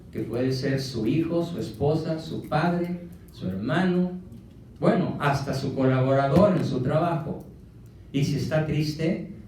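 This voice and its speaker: A man with a Mexican accent gives an emphatic motivational lecture, firing rhetorical questions at his audience. His voice is fairly high and a little mellow. A distant mic picks him up in an echoey room, with a little hiss or hum.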